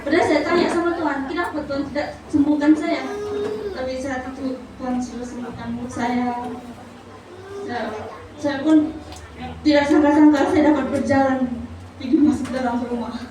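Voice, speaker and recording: A woman giving a soft, hesitant personal testimony at a church service, pausing often as she tells her story. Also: sits high, fairly even intonation. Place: church hall. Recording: very echoey hall, voice from far off, noisy.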